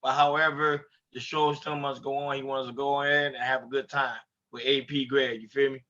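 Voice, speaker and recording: A man's voice: mid-range voice, level tone, a little fast, sharp tone, muffled recording. A man co-hosting a casual interview, bringing upbeat, hype-style introductions. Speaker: co-host.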